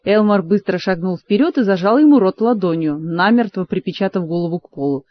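A woman narrating an audiobook in an even storytelling manner. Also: medium pitch, brisk, dull audio. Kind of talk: scripted narration.

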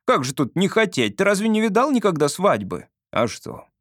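A man voicing an eager, boastful little boy who chatters excitedly in a high childish voice. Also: moderate pace, no room sound, clean studio sound, heavily acted.

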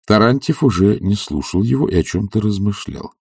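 Husky-voiced male audiobook narrator. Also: fairly low pitch, moderate pace, a little mellow, no echo, studio quality. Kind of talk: scripted narration.

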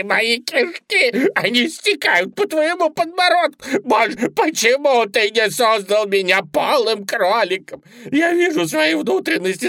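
A tiny male chocolate bunny screams, begs and curses in a thin, squeaky voice that leaps far above normal speech, put on by a woman narrator. The sound is dry and close. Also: bright, forceful tone, no room sound, full character voice. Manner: squeaky, wailing, cursing. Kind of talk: storybook narration.

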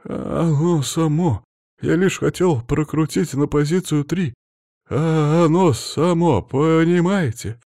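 A man voicing a dazed, injured male power-line worker who babbles slowly and haltingly. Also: on the high side, warm tone, no echo, studio quality, voice pushed up. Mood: flustered.

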